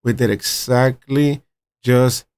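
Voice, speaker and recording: A man's voice: mid-range voice, slow, a little mellow, clear, resonant tone. A man hosting his own trading channel, talking viewers through charts and checking in with them often. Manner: upbeat, repeats "all right" and "right" as check-ins; talks straight to viewers as "my friends" and "guys". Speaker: crypto trading channel host. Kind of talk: live chart analysis commentary.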